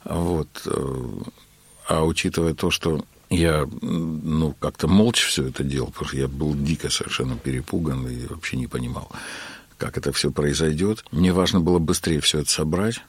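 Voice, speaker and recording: A man with a very deep voice and a breathy edge is interviewed about his work as a keyboard player. He tells his story unhurriedly, using many filler words.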